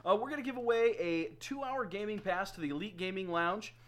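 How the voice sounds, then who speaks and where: A man with a fairly high voice hosts a casual podcast. He jokes, laughs often and pitches promos with eager hype. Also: a little fast, a bit bright. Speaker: podcast host.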